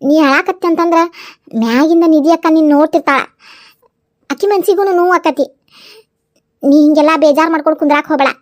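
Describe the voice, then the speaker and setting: A woman's voice: sits high, fast, long pauses, lightly acted. A woman voicing a kind, earnest young village woman with a North Karnataka accent in a cartoon comedy, speaking in a consoling, pleading way. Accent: North Karnataka Kannada. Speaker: cartoon voice actor.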